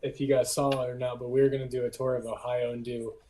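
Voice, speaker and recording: A man in his twenties, a band member chatting casually on a podcast, relaxed and often laughing. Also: medium pitch, fast talker, low-quality recording. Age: 20s.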